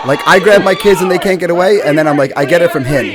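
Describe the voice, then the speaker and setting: A man's voice: high-pitched, rapid-fire, background noise. A middle-aged man giving casual, joking fight commentary in colloquial language with a co-host.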